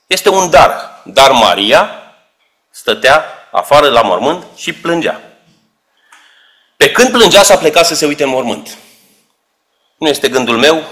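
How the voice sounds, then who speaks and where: A man's voice: a little high, a bit bright. A man preaching a sermon, explaining scripture with rhetorical questions and shifting emphasis.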